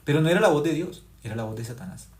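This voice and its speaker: A man preaching a sermon with forceful rising stresses that drop to hushed low tones and drawn-out key words. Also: lively intonation. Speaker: pastor.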